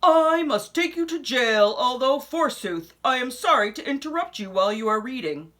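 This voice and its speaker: A woman acts out a storybook medieval sheriff, formal and apologetic. The voice is raised in pitch, emphatic and animated, with courtly old-fashioned phrasing. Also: normal speed. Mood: stern, apologetic. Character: apologetic, courtly Sheriff of Nottingham, grown man.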